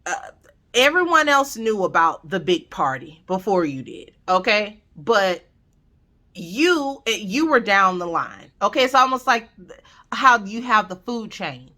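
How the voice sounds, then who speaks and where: A woman's voice: mid-range voice, very animated, unhurried, pushed and bright. A woman with a Southern US country lilt gives casual, emphatic advice straight to viewers, repeating phrases for stress and checking in with listeners. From Southern United States. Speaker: vlogger giving family advice.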